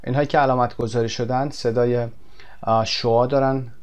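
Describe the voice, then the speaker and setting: Man teaching, examples read slowly. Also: mid-range voice, flat delivery, a little mellow, clear, resonant tone. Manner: explains in quick bursts, reads examples slowly and carefully. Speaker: English teacher. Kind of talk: recorded language lesson.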